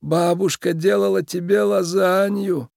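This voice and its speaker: A man voicing a tiny elderly male shrew crime boss with a creaky, commanding voice, speaking slowly in a storybook reading. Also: high-pitched, steady tone, a little mellow, no room sound, studio quality, voice pushed up, heavily acted. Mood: cold menace. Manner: slow, drawn-out menace.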